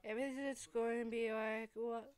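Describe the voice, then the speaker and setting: Woman voicing a gentle doctor mother, soothing, halting, higher voice, very clear. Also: steady tone, lightly acted. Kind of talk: amateur fan-fiction reading.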